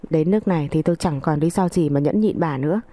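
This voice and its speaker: A young woman tells a first-person story in an earnest, aggrieved, confessional way. Her voice is low and mellow. The sound is dry and close. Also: fast talker, dry recording. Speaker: narrator.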